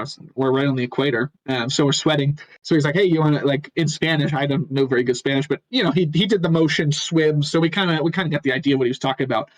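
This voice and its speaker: A young man on a podcast telling a long casual story, rambling and halting and chuckling often. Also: mid-range voice, no echo, low-quality recording. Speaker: podcast co-host.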